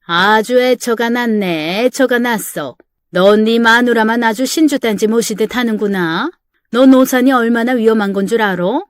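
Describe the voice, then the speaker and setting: A woman's voice: on the high side, normal speed, dry recording, clean studio sound, lightly acted. A woman voicing a selfish, scolding middle-aged mother-in-law in a dramatized story reading. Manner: sharp, scolding, self-pitying.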